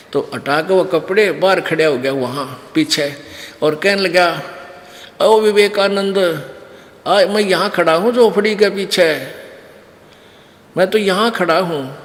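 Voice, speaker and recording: Man, slow sermon storytelling, slightly high voice. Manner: slow, dramatic retelling with acted quotes. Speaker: spiritual preacher. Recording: long hall reverb.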